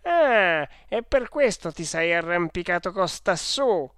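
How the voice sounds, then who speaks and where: Storybook part: reader plays a hot-tempered middle-aged salesman, shrill when yelling, dry close mic. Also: very animated, takes it slowly, clean tone, no room sound. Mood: furious. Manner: shouting, exasperated outbursts. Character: irritable middle-aged male traveling salesman. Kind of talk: audiobook character voice.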